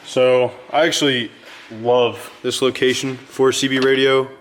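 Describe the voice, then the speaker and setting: Here the car build channel host talks in a mid-range, level voice, a touch slow, with a bit of background hiss or hum. Sitting in a vehicle in his garage, he keeps the how-to vlog relaxed and conversational as he describes what he's doing.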